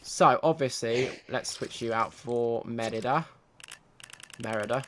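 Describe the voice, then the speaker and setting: A man's voice: medium pitch, moderate pace, a bit bright, slight background noise. A man giving casual game commentary as a channel host, chatty and prone to correcting himself.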